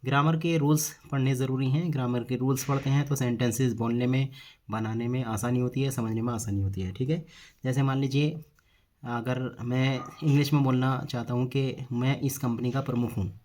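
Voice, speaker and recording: A man teaching spoken English, slowly repeating each example sentence twice. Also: medium pitch, darkish tone. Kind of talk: spoken English lesson in Hindi.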